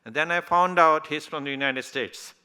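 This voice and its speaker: A man's voice: on the high side, moderate pace, bright, forceful tone, clear, resonant tone. A man moderating a conference panel, talking in a loose, rambling way and laughing easily.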